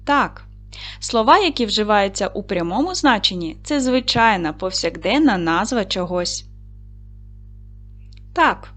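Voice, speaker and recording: A woman's voice: mid-range voice, expressive, normal speed, fairly bright tone. Patient woman teaching young children. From Ukraine. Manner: clear, patient, encouraging classroom delivery. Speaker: primary school teacher. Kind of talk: video lesson for second graders.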